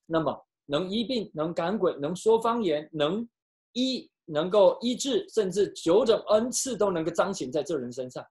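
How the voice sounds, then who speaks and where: A pastor preaching and telling a story, switching between hushed and loud delivery, with some halting restarts. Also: mid-range voice, lively intonation. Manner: emotional, with sharp swings from hushed to loud. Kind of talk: storytelling sermon.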